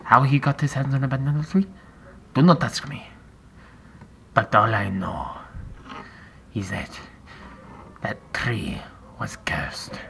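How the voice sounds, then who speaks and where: A man's voice: medium pitch, slow, gravelly, long pauses, slight background noise. A man voicing a scheming, vengeful talking banana with a put-on Mexican accent in a homemade comedy sketch, often dropping to a sinister whisper. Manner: hushed, sinister whispering asides.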